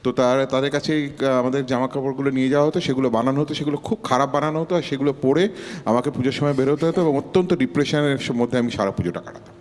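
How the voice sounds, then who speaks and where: A man's voice: medium pitch, racing. Wistful man, reverberant studio. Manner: wistful, musing, self-deprecating. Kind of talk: reflective casual chat. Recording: long hall reverb.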